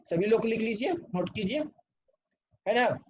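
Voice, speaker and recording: High-voiced man teaching grammar slowly. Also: animated. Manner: spells out words letter by letter, checks in with "clear?". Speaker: English teacher. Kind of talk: online grammar lesson. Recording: dull lo-fi recording.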